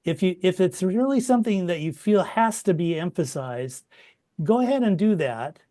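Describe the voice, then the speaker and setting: A man's voice: high voice, normal speed. Chatty man teaching an online workshop. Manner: relaxed, chatty, many fillers and restarts. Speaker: workshop instructor. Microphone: video call.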